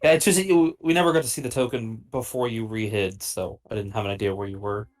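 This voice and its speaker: A man's voice: on the low side, steady tone, fast talker. A man talking casually and asking questions as a player in a tabletop game.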